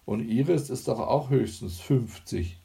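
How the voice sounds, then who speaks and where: A man's voice: mid-range voice, unhurried, vocal fry, warm tone, voice pushed up. A man voicing a breezy, teasing young adult daughter in an audiobook.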